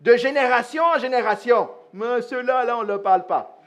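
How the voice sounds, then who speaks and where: A man's voice: very high-pitched, moderate pace. A man preaching a sermon as pastor, talking straight to the congregation, asking them questions and acting out short dialogues. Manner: animated, asks the congregation questions; acts out little dialogues in voices. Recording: live church sermon.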